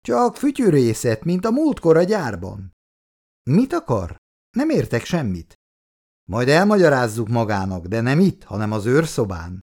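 Man doing a gruff, bossy policeman. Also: mid-range voice, wildly swooping pitch, a little mellow. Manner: barking, officious orders.

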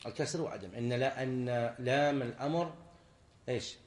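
A man's voice: mid-range voice, brisk, darkish tone, roomy sound. A man teaching a religious lesson, explaining grammar point by point, repeating key words and asking his students questions. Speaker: sheikh teaching a class.

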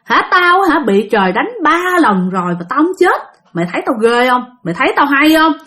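A woman voicing an ancient female spirit that has taken over a young woman, harsh and rasping and boastfully taunting. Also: high voice, big pitch swings, brisk, bright, forceful tone, exaggerated voice.

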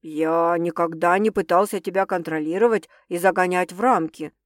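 In a clean, dry studio recording, a woman plays a wealthy man who is calm and self-assured, speaking in a measured, slightly condescending way. She pitches him a little below her narration voice and keeps the delivery natural.

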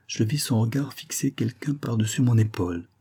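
A man narrating a literary story aloud in a measured, even manner. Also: mid-range voice, slightly rough. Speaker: audiobook narrator. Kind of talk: scripted narration.

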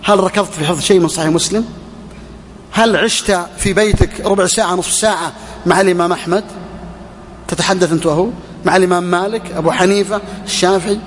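A man's voice: sits high, steady tone, fast talker, in a large hall, slight background noise. A middle-aged man giving a religious lesson, exhorting with rhetorical questions and repeated phrases. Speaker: sheikh teaching hadith.

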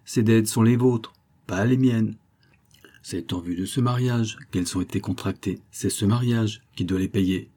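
A man reading aloud, voicing a calculating prince who answers in curt, measured sentences. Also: on the low side, mellow. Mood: cold. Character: calculating Italian prince, cold and controlled.

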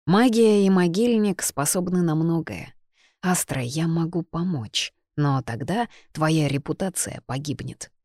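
Storybook figure: a woman reading a poised noble inquisitor, measured and quietly testing, in a low voice. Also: expressive, no room sound, studio quality. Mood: calm, testing. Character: cool, self-assured male inquisitor duke.

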